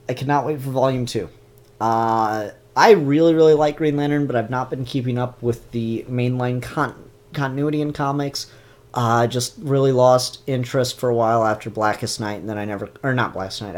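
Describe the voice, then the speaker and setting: A man hosting a casual live-stream comic review, chatty and animated, with a stuffed-up nose. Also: mid-range voice. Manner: chatty and animated, mock-grumpy asides. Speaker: comic book reviewer and YouTuber.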